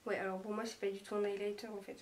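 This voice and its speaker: A woman's voice: mid-range voice, flat delivery, a little mellow. A woman reviewing makeup in a casual, chatty way, hesitating often as she talks. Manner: chatty, hesitant, lots of small pauses. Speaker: beauty vlogger. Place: room lit by daylight. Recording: voice a bit far from the mic.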